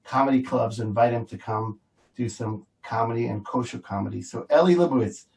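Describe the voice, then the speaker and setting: Male host, mid-pitched, introduces the act, heard from a distant mic. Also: brisk, darkish tone. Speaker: event host. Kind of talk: introducing a performer.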